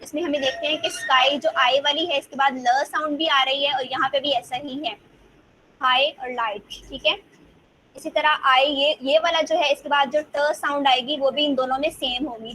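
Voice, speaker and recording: A woman teacher lecturing in Hindi, mixing in English terms and reading English definitions slowly before she explains them. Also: high voice, a bit bright, slight background noise, rough recording. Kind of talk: lecture on rhyme types.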